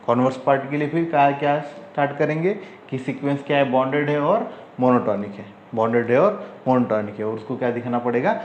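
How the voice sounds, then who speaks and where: Indian male math teacher, questioning and repetitive, slow dictation, echoey room. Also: medium pitch, darkish tone, muffled recording. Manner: repetitive, asks the class questions, slow dictation of English terms. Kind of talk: whiteboard math lecture. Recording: echoey room, faint ambient noise.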